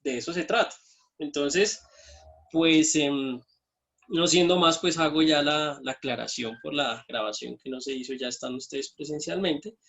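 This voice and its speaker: Man, fairly high voice, math teacher, step-by-step explanations, online class. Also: steady tone, measured pace, a bit bright, a little hiss or hum. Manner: explains step by step, often checks with "¿sí?". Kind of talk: online math lesson with screen sharing.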